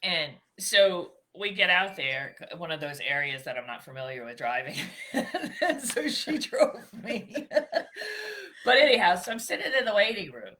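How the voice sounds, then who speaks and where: A woman co-hosting a casual morning chat show, telling stories in an animated way and chiming in often. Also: low voice, normal speed, slight background noise. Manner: animated storyteller, chimes in often.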